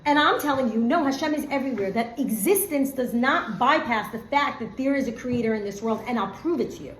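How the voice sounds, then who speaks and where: A middle-aged woman teaching a casual Torah lesson, animated and full of "like", acting out everyday scenes. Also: fairly high pitch, fairly quick. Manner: animated, acts out everyday scenes, many fillers of "like". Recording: echoey room, faint background hum.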